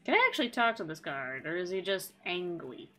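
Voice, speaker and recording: A woman's voice: fairly low pitch, very animated, brisk, a bit bright, soft background music. A woman streaming a video game, chatting casually with sarcastic, jokey asides. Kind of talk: casual gameplay chat.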